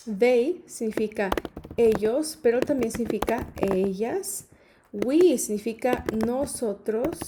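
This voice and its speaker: A woman's voice: on the high side, noisy background. A woman teacher explaining English grammar patiently, checking in with her students often. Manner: patient, repeats points with "¿sí?" and "¿ok?".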